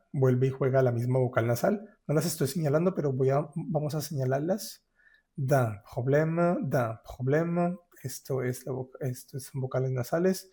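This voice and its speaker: Man, French teacher, mellow voice, slow drawn-out demonstrations. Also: mid-range voice, slightly rough. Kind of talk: pronunciation lesson.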